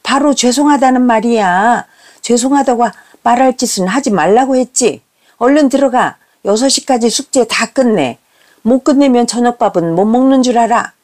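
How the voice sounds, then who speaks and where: A woman voicing a strict middle-aged mother who scolds her children with sharp, reproachful questions. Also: mid-range voice, big pitch swings, unhurried, pauses often. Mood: scolding.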